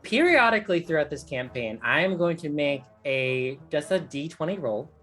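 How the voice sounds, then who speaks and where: A woman's voice: low voice, lively intonation, moderate pace, a bit bright, soft background music. A woman running a tabletop game as dungeon master. She talks in a rambling, playful way with lots of fillers.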